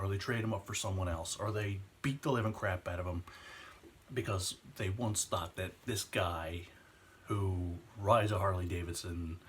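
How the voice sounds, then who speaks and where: With a little hiss or hum in the recording, a deep-voiced man in his 20s vents in an impassioned personal vlog. He is earnest and emotional, and he slows down to stress the heavy points.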